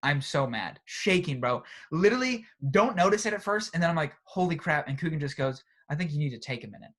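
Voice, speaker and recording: A young man co-hosting a podcast, telling a story in a casual, animated way and often tagging "right?" and "bro". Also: a little high, a little fast. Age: young adult. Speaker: podcast co-host. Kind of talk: casual chat.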